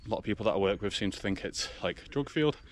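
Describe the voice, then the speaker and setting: A man's voice: lowish voice, expressive, racing. A man in his twenties with an English accent, chatting casually to a camera as a fitness vlogger. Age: 20s. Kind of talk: casual vlog chat. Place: outdoors in a forest. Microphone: action camera. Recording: faint outdoor background noise.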